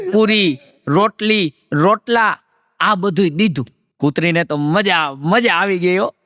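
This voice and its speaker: A man telling a long joke with lively storytelling. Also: high voice, no echo, clean studio sound. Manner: lively storytelling, voices rising for punchlines. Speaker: stand-up comedian.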